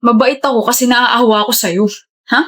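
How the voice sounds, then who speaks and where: A woman's voice: fairly high pitch, fairly even intonation, normal speed, fairly bright tone. A woman playing a cold young man who answers bluntly and dismissively. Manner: curt, dismissive. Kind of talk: comedy skit acting.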